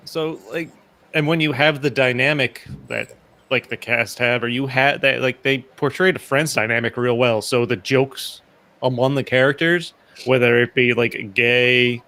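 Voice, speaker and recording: A man's voice: medium pitch, fairly even intonation, measured pace, pushed and bright, no room sound. A man co-hosting a casual movie review podcast, rambling with many fillers and restarts. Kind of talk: casual chat.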